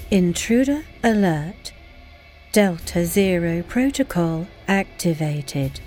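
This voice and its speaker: A woman voicing a calm female security computer that gives even, clipped announcements. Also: lowish voice.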